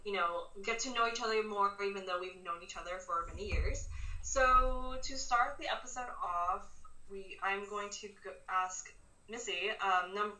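A woman's voice: medium pitch, normal speed, pushed and bright. A woman hosting a podcast, explaining things in an informal, slightly hesitant conversational way. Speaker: podcast host. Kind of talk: casual podcast introduction and explanation. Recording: roomy echo, distant from mic.

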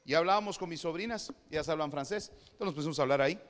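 A man from Guatemala with a Guatemalan Spanish accent, preaching a sermon and swinging between quiet asides and shouted preaching. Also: on the high side, fast, in a large hall.

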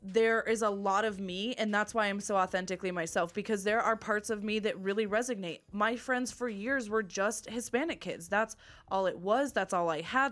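A woman's voice: medium pitch, fairly bright tone. A woman hosting a podcast in casual, slangy chat, emphatic and swearing freely. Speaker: podcast host.

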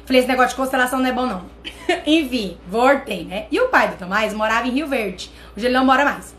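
A Brazilian woman with a Brazilian accent, hosting a channel and telling a personal story in an animated way, talking straight to her viewers. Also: fairly high pitch, fast, slight background noise. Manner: animated, addresses viewers directly. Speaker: channel host.

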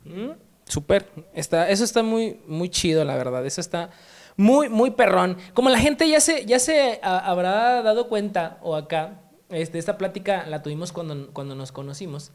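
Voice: medium pitch, expressive, normal speed. A Mexican podcast host in casual conversation. The voice is midrange and easygoing, full of slang, looping back over its own words as it goes. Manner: laid-back, rambling, slangy, many restarts.

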